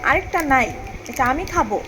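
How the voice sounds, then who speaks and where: A woman's voice: high-pitched, expressive, fairly quick. A young Bangladeshi mother filming a family vlog at home, sweet-talking and pleading with her small children. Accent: Bangladeshi Bengali. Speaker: vlogger mother. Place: home, indoors. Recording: noisy home phone recording.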